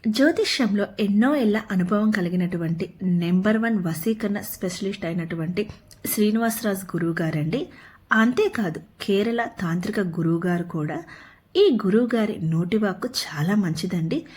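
Husky-voiced woman reading an advertisement. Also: lively intonation, darkish tone. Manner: brisk, persuasive sales pitch. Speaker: advertisement announcer. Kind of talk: read advertisement.

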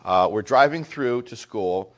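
A middle-aged man giving a talk to a small group of parents, telling a story in an animated way with frequent asides to the room. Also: on the low side, measured pace. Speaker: school presenter speaking to parents.

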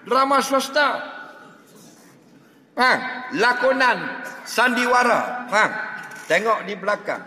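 A man's voice: very high-pitched, bright, forceful tone. A man giving a humorous mosque lecture, answering questions and often checking that the crowd understands. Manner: jokey, keeps asking the crowd if they understand. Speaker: religious teacher. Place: mosque hall. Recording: echoey mosque hall, long reverb.

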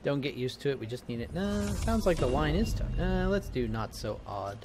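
A man's voice: medium pitch, very animated, moderate pace, background noise. A man streaming a video game, chatting casually and reacting with jokes and swearing. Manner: joking, sweary. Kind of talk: casual gameplay chat and reactions.

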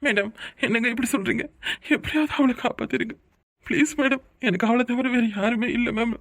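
A woman's voice: fairly high pitch, fairly quick, dry recording, clean studio sound, natural voice. A woman voicing a devoted young husband in a cartoon who begs desperately to save his wife, with a southern Tamil Nadu accent. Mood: anxious pleading. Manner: begging, emotional.

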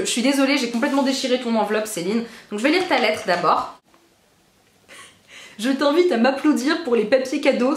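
A bubbly young woman from France with a high voice, chatting excitedly through a casual unboxing vlog. She gushes and piles up repeated words for emphasis. The sound is echoey, as if recorded in a bare room. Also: a little hiss or hum. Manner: bubbly and gushing, repeats trop trop. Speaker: beauty vlogger.

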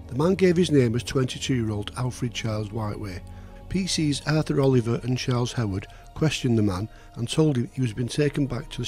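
A man giving scripted true crime narration in a sober, measured storytelling manner. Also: medium pitch, darkish tone. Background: faint music.

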